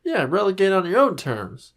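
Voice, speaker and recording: At a moderate pace and in a high voice, this comedy podcast co-host keeps the conversation light and full of jokes. He's lively and acts out small scenes while he talks.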